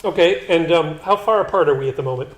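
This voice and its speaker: High-voiced man gaming in an echoey room. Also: fast. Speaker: tabletop game player. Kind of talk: casual game talk.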